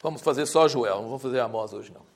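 Gravelly-voiced man teaching a Bible class. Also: medium pitch, rapid-fire. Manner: conversational, explains terms, frequent restarts.

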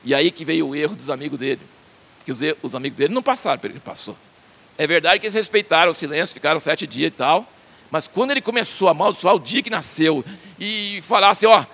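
High, lively preacher with a gravelly edge. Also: male voice. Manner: conversational, asks the listeners questions. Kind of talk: sermon.

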